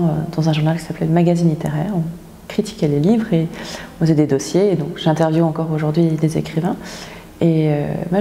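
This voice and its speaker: Woman from France, mellow low voice, reflective and hesitant, roomy hall echo, faint background hum. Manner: thoughtful, hesitant, many filler sounds. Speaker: author in residence. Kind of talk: reflective interview talk. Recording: echoey hall with faint ambience.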